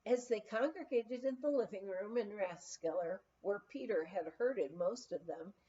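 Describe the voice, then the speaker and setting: A woman with a medium-pitched voice narrates a memoir at a measured pace, reading expressively like a storyteller. It's an audiobook with slightly dull sound.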